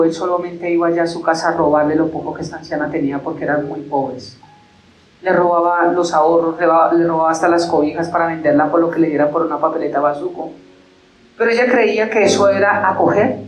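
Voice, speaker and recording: A man's voice: fairly high pitch, steady tone, fast. A male pastor tells a story in his sermon and then leads an earnest closing prayer in a church. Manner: conversational, recounting and then praying earnestly. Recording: roomy church echo.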